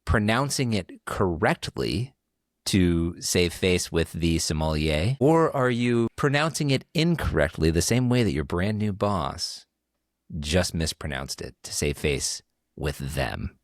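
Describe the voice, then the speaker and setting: A deep-voiced man sets up a scenario for his co-hosts on a wine podcast. He talks in an animated, storytelling way and drops in quick affirmations. The sound is dry and close, with no room around it. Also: no room sound. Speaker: podcast co-host. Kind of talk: casual chat.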